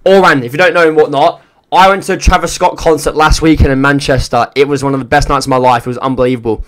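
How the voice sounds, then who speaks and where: A man's voice: on the high side, fairly even intonation, fast, fairly bright tone. A man hosting a reaction video, talking casually to his chat, rambling and repeating himself.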